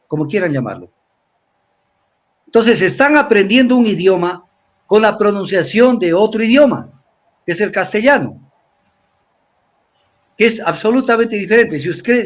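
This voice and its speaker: Older male commentator from Ecuador, high-pitched, lecturing, repetitive. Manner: lecturing, repeats words, spells letters out. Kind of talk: weekly analysis talk.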